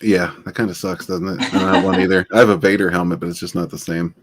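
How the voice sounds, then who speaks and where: A man's voice: sits low, little pitch movement, fast. A man hosting a casual podcast chat, upbeat and joking, laughing often. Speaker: podcast host.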